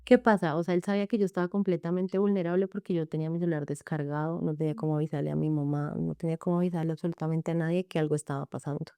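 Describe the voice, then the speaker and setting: A woman's voice: sits low, level tone, racing, hardly any pauses, mellow, smooth, no room sound. A woman with a Colombian accent earnestly recounting her own story in an interview, speaking in long run-on sentences and often quoting what others said. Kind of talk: emotional personal testimony in an interview.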